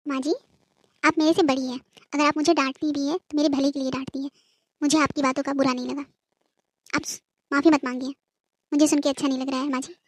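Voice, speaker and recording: A woman voicing a gentle, dutiful young daughter-in-law in a cartoon who speaks softly and respectfully. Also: high-pitched, level tone, fast talker, pauses often, dry recording, lightly acted, low-quality recording. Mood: pleading. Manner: soft, respectful and pleading. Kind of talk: cartoon voice acting.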